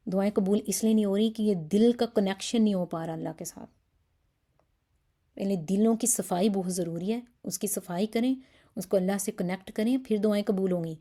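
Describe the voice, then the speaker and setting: A woman's voice: medium pitch, mellow. A woman teaching a Quran lesson in Urdu with a Pakistani accent, speaking earnestly and with feeling, mixing in English words. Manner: earnest, pleading, acts out examples.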